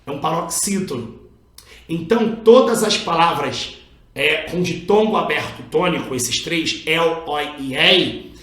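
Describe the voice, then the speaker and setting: A man's voice: on the high side, a bit bright, reverberant. A man with a Brazilian accent teaching an online Portuguese exam-prep lesson, explaining step by step, pointing things out and stretching out key syllables. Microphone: recorded over a drawing screen, writing with a pen.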